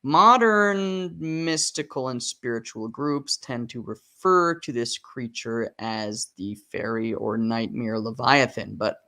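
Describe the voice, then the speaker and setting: A man narrating a video in a casual scripted style, chatty, with joking asides, and a voice that is going a little hoarse. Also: medium pitch, sharp tone. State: losing his voice. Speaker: YouTube narrator.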